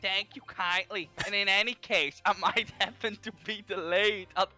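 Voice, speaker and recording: A Dutch-speaking man voicing a gruff middle-aged coachman in a hammy put-on Irish accent that keeps slipping. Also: high-pitched, fairly even intonation, moderate pace, pushed and bright, soft background music. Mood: scheming.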